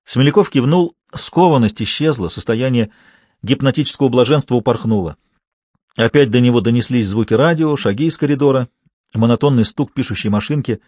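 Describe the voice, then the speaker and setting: Husky male audiobook narrator. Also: medium pitch, a little fast, a little mellow, no room sound. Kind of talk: scripted narration.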